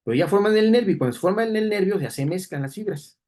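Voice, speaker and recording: A man's voice: high voice, expressive, fast talker, a little mellow. A man teaching anatomy in a classroom lecture, explaining diagrams and checking in with students through frequent tag questions.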